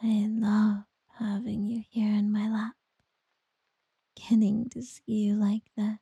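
A woman doing a whispered ASMR girlfriend roleplay, soft, teasing and doting. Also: medium pitch, little pitch movement, slow pace, creaky, husky, dry recording, highs cut off.

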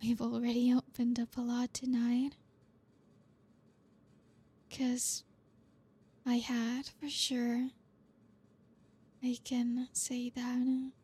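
Woman, high voice, mellow tone, soft whispering, frequent giggles, intimate roleplay. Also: monotone, extremely slow, pauses often, husky. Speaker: roleplay performer speaking as a girlfriend.

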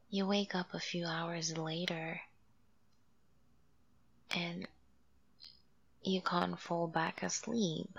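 A woman voicing a doting, coaxing mother figure in an audio roleplay. She speaks softly and drifts into whispers. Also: on the low side, creaky, dry recording, full character voice. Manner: slow, soothing, coaxing with soft laughs. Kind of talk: soft-spoken audio roleplay, half whispered. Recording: dull lo-fi recording.

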